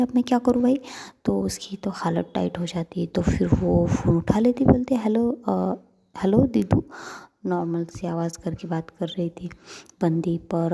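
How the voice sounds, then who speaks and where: A woman's voice: lowish voice, gravelly, warm tone, breathy edge. A young woman narrating a story casually, chatty with many fillers, talking to her listeners.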